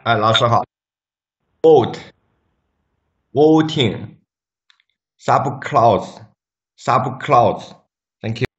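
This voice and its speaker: A man, a student in an online class, reading single English words slowly and carefully. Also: mid-range voice, lively intonation. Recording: muffled online call audio.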